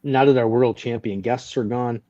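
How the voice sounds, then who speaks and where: Co-hosting a laid-back barbecue live stream on a video call, this man jokes around, repeats phrases, and delivers show announcements between bits of casual banter. His mid-range voice is warm and steady at a normal speed. The audio is dry and a little dull, typical lo-fi stream quality.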